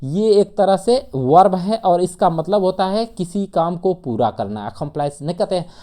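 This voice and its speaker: A woman teaching English vocabulary for exams in Hindi, repeating each word slowly and asking rhetorical questions. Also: fairly low pitch, expressive, warm tone. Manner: repeats words slowly, drills pronunciation, asks rhetorical questions. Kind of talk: exam vocabulary lesson.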